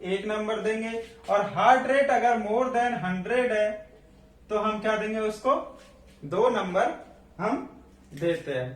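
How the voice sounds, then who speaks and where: Speaking slowly in a high-pitched voice with long pauses, a man lectures a nursing class and supplies the answers to his own questions. The recording has an echoey room and a faraway voice.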